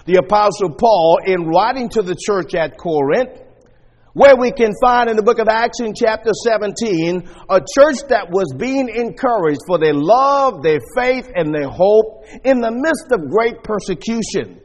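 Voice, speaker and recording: Man preaching, unusually high voice, pulpit microphone, long church reverb, measured teaching tone. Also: lively intonation. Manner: measured teaching, walks listeners through scripture verses. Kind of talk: sermon.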